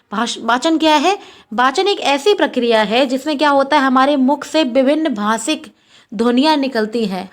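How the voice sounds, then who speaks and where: A young woman with a high voice teaches an exam-prep class. She goes over each point more than once and puts questions to her students that she answers herself. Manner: repeats points and asks then answers her own questions.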